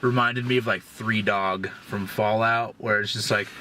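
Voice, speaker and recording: A young man co-hosting a film review with a bright, forward voice and a laid-back, rambling way of talking. A faint hiss sits under the recording. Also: lowish voice, steady tone, normal speed, distant mic. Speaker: movie review co-host. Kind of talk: casual film review chat.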